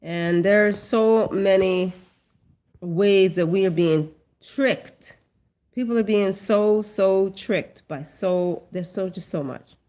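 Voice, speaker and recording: Her voice is medium in pitch with a darkish tone, and she speaks at a slow pace. She's a woman in her thirties hosting a relaxed talk, stuffy and sniffly with a cold, chatting with plenty of "um" and "like" and greeting viewers as family.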